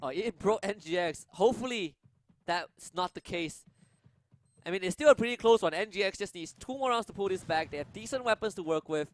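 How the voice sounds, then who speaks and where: A man's voice: high-pitched, lively intonation, fairly quick. A man co-casting an esports match, explaining and reacting to the plays in live analysis.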